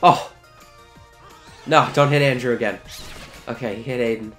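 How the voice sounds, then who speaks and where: A man's voice: medium pitch, moderate pace, a bit bright. A man giving casual, sweary video game commentary, talking to the characters as he plays. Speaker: let's play host. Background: game music.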